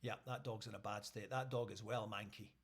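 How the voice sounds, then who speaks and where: A man doing a low, gruff Scottish animal welfare officer. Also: fairly even intonation, brisk, fairly bright tone, heavily acted. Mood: blunt. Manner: blunt, matter-of-fact.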